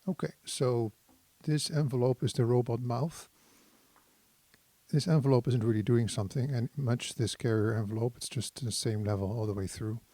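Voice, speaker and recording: In a relaxed hands-on synth demo, a man explains things unhurriedly as he thinks out loud. His voice sits at medium pitch with a dark tone, recorded with no room sound.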